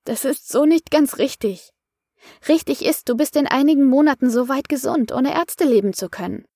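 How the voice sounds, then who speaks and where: A woman reading an audiobook voices a calm female coach who soothes and explains. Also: high voice, normal speed, dry recording, studio quality, pitched above the performer's own voice. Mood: soothing.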